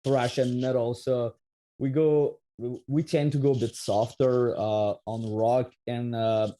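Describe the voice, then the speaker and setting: A metal band musician in his thirties from Quebec, Canada, answers interview questions as a guest in a Québécois French accent. His warm, medium-pitched voice has little pitch movement and a measured pace. His answers ramble, full of restarts and fillers.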